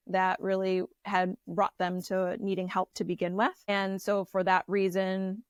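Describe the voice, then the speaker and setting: A woman therapist, a guest in an interview, telling personal stories in a candid, animated way with frequent restarts. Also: medium pitch, smooth, dry recording. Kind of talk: conversational storytelling interview.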